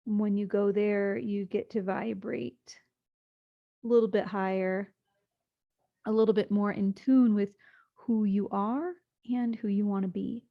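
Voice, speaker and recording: Her voice gravelly yet soothing, a woman leads a meditation for sleep, unhurried and punctuated by long pauses. She holds a flat, even pitch throughout, heard through a somewhat muffled, low-fidelity recording.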